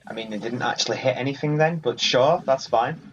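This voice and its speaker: Over background game music, a man offers casual, meandering let's play commentary on a video game at a brisk pace. His pitch is medium, and the recording is muffled.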